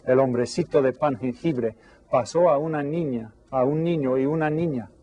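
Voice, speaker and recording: A man teaching a class, reading a story aloud in one language and translating each line into English, slowly and deliberately. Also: medium pitch, highs cut off. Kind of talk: bilingual storybook read-aloud.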